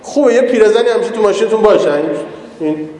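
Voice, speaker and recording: A man with a high, mellow voice tells jokey stories to an audience. His voice rings out in a large, echoey hall with a long reverb tail. He talks casually and acts out the people in his anecdotes. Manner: storytelling, jokey, animated quoting of others. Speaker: speaker giving a public talk. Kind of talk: informal talk with humorous anecdotes.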